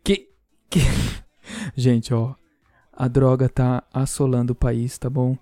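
Teasing man hosting a podcast, mellow voice. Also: medium pitch, little pitch movement, slow, no echo. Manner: joking, teasing listeners. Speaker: podcast host. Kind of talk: casual podcast chat.

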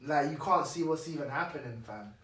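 Blunt London roadman, higher-pitched male voice. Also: a little fast. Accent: London roadman, urban slang. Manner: slangy, blunt, animated street banter. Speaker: podcast co-host. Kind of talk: casual chat. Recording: echoey room, distant mic, noisy.

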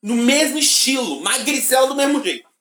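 A man with a deep voice, co-hosting a podcast and telling stories with excitement and sudden shouted bursts. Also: brisk. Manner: excited storytelling, bursts of shouting when retelling. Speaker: podcast co-host. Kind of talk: casual chat. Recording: roomy echoey room.

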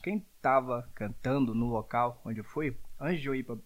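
A man's voice: mid-range voice, moderate pace. A man who is a guest in a casual chat, telling anecdotes and laughing often.

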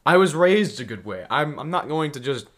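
A man's voice: a little high, lively intonation, normal speed, crowd noise. A young man co-hosting a podcast, telling a story in casual chat, acting out quotes and laughing often. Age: young adult. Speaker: podcast co-host.

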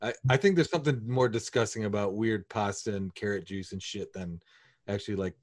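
A man's voice: fairly low pitch, brisk, no echo, clean studio sound. A man co-hosting a podcast, chatting casually with blunt, profane banter. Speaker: podcast co-host. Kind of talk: casual chat.

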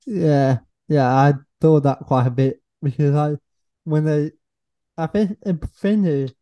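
Slow, halting young woman, lo-fi sound. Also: sits low. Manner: halting, searches for words with pauses and "uh". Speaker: podcast guest. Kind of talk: casual conversation. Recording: dull lo-fi recording.

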